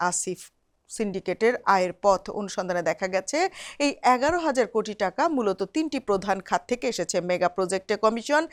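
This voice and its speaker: A woman presenting the news, reading a script in a steady, formal newsreader manner. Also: mid-range voice.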